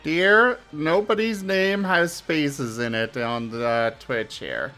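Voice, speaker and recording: A man's voice: fairly high pitch, slow, pushed and bright, soft background music. A man hosting a casual gaming livestream, talking upbeat and easygoing over headset audio. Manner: upbeat greetings, easygoing and chatty. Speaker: streamer host.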